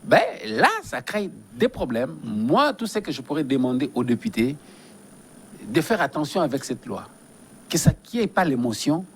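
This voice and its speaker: A man's voice: medium pitch, very animated, normal speed, husky. A man from DR Congo, a guest giving earnest, emphatic political commentary in a studio interview and often repeating his phrases.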